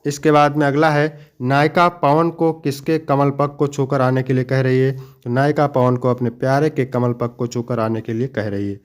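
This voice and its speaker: A young male teacher patiently walks through exam questions one by one. He explains each answer step by step, slows down to stress the most important points, and speaks to his students with fond familiarity. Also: mid-range voice, little pitch movement. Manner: addresses students fondly. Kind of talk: exam-prep lesson.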